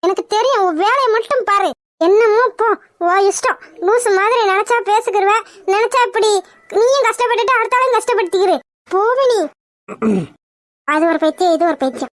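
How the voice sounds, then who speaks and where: A woman's voice: very high-pitched, animated, normal speed, no room sound, clean studio sound. A woman voicing a stubborn young woman in a cartoon, scolding and insistent as she pushes away her suitor. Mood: irritated. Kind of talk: cartoon voice acting.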